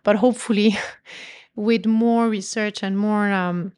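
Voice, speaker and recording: A woman's voice: mid-range voice, fairly even intonation, slow, a little mellow, clear, resonant tone. A woman interviewing a guest, talking in a chatty, hesitant way with many fillers and restarts. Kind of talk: conversational interview.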